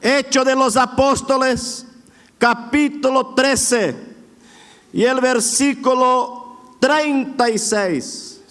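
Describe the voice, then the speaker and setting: A man with a strikingly high, fairly bright, steady voice delivers a Pentecostal sermon, stretching his words slowly for emphatic exhortation. He speaks Argentine Spanish from the border area with Brazil, with a clear Brazilian accent. An echoey hall with long reverb surrounds him.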